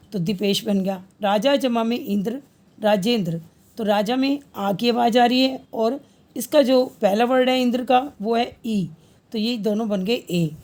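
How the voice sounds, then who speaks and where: A woman's voice: fairly high pitch, a little mellow. A woman teaching a grammar lesson, patiently working through examples and repeating each answer as a question.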